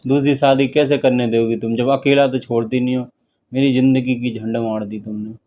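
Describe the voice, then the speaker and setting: A man vlogger playing a husband in comic couple banter, teasing his wife in a mock-wistful way and pleading for her to talk more quietly. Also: mid-range voice, little pitch movement, moderate pace, slight background noise.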